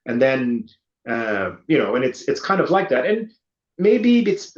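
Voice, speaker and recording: A man interviewing a guest, thinking aloud and rambling a little, with hesitant restarts. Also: mid-range voice. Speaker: interviewer, guitarist. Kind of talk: interview questions and chat. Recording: roomy dull sound.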